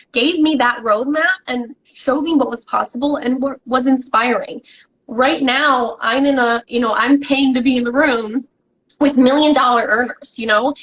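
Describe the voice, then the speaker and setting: A woman guest speaks on a podcast in a fairly high voice, with an energetic, emphatic, motivational delivery. She sounds like a coach pressing her points home. The recording is dull and lo-fi. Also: slightly rough. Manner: energetic and emphatic, with repetitions and restarts. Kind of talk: motivational casual conversation.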